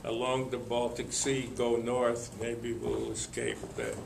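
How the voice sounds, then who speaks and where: An older man from Lithuania, telling his life story to an audience in a slow, halting way with many pauses and fillers. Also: mid-range voice, level tone, gravelly, roomy sound, heavy background noise. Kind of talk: spoken testimony to an audience.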